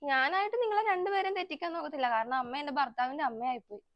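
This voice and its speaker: A woman's voice: high-pitched, lively intonation, rapid-fire, dull audio. A woman voicing an indignant, sarcastic young wife in a comedic family skit. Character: young wife, fed-up, sharp-tongued.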